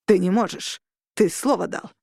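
A woman's voice: medium pitch, moderate pace, vocal fry, no room sound, studio quality. A woman voicing an insistent vampire lord. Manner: insistent, shouting. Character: scheming male vampire lord, pleading and defiant.

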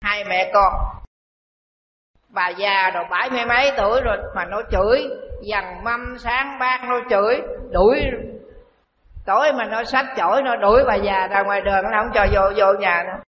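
A male Buddhist monk gives a dharma talk, telling a story slowly and repeating phrases. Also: high-pitched. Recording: dull echoey hall recording with faint hiss.

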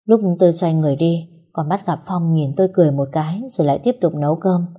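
Husky, dark-toned woman narrating a story. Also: deep voice, quick pace. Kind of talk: first-person story narration.

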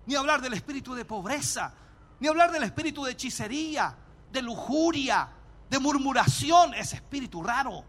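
A man preaching as a pastor in an emphatic sermon, often shouting and acting out little scenes. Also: very high-pitched, lively intonation, moderate pace.

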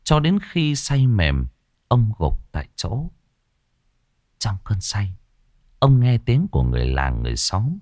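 A man's voice: fairly low pitch, big pitch swings, measured pace, long pauses, a little mellow, no room sound, clean studio sound. A man narrating a ghost story in a dramatic, scripted storytelling way. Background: faint music.

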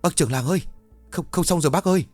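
A man's voice: mid-range voice, animated, brisk, no echo, natural voice. A scared young villager, out of breath, stammers and pants through his report, as a male narrator acts him out. The voice rises and falls widely, recorded dry and close, with faint music in the background. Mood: panicked, breathless.

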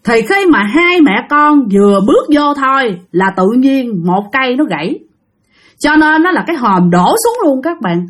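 A woman narrates a spooky tale as if chatting with friends. She speaks directly to her listeners and repeats lines for emphasis. Her voice is fairly high and swoops up and down expressively. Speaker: storyteller. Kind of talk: conversational ghost story narration.

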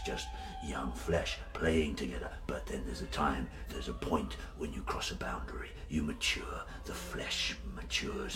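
Super deep-voiced villain baron played by a guy, moody and imperious, jealous, lurches from barking to whispering. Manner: imperious, erratic swings into loud outbursts and whispers. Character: brooding villainous male baron, jealous and self-pitying.

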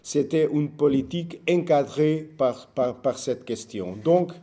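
Male speaker for an informal talk: foreign, Portuguese accent in French, slow and halting, soft-edged mellow tone. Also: fairly high pitch. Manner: foreign accent in French, halting delivery with searching for words and repeats. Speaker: speaker giving a political overview.

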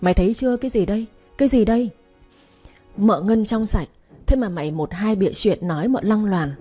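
A woman's voice: medium pitch, quick pace, breathy edge, faint music behind, close to an everyday voice. Woman doing a scolding mother-in-law. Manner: scolding, loud. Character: domineering middle-aged mother-in-law.

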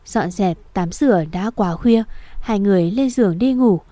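Mellow woman reading an audio novel. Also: medium pitch, moderate pace, no echo. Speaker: narrator. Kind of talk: audiobook narration of a romance novel.

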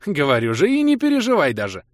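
A chatty rustic trader, as a male reader puts him on, pitched well above the reader's own voice and swinging through lively rises and falls. He talks in homespun village turns of phrase, wheedling and eager to please, in a dry close recording. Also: quick pace, no echo. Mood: fawning. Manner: folksy, wheedling, rustic speech.

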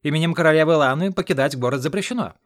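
A man voicing a fussy, sneaky male official who barks orders and shouts after a fleeing cart, in an audiobook. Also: on the high side, very fast, dry recording, clean studio sound, voice pushed up, close to an everyday voice. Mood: officious.

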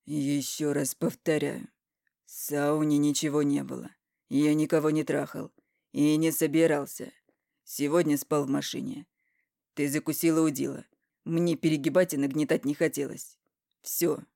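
A woman reading an audiobook voices a blunt, stubborn middle-aged husband with loud, curt retorts. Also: deep voice, flat delivery, moderate pace, creaky, dry recording, clean studio sound, voice pushed down. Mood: gruff. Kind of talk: audiobook character voicing.

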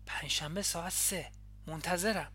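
A woman reading an audiobook, voicing an earnest, playful young man in love with soft, intimate lines. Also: on the low side, breathy edge. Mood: hushed.

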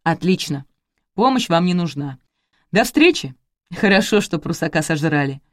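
A woman's voice: fairly low pitch, expressive, normal speed, no echo, studio quality, lightly acted. A woman voicing a wry, blunt male investigator. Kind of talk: audiobook character reading.

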